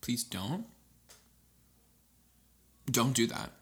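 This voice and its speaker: A man's voice: medium pitch, big pitch swings, very slow, fairly bright tone. A man co-hosting a podcast in casual chat, rambling with fillers and laughing easily. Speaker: podcast co-host.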